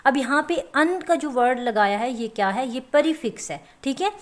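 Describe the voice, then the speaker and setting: A woman's voice: high-pitched, expressive. A woman teaching a lecture to students, explaining step by step and often checking that they follow. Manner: explains slowly with repeated check-ins.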